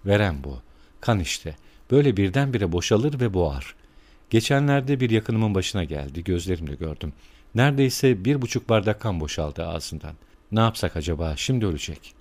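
A man voicing a courteous middle-aged official who speaks in a soothing, hushed way. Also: sits low, very animated, moderate pace. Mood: grave. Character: calm, courteous middle-aged high-ranking male official.

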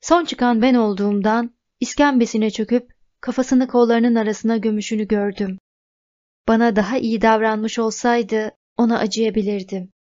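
A woman reading a novel aloud as audiobook narrator, in an even, measured way. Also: a little high. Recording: dull lo-fi recording.

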